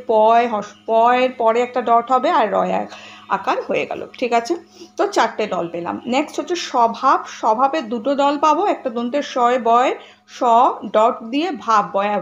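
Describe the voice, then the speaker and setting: A woman's voice: high-pitched, dull audio. A woman teacher with a West Bengal Bengali accent, spelling out words letter by letter in a grammar lesson and often checking whether students follow. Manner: spells out letters step by step, checks in with "ঠিক আছে?".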